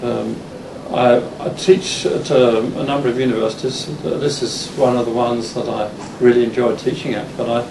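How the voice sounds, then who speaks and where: A university lecturer in his fifties, English-born and living in Denmark, gives a conference talk with an English accent. He speaks haltingly, restarting often and using many fillers, in a mid-range, steady, gravelly voice. The recording is roomy, distant, and noisy, as in a hall.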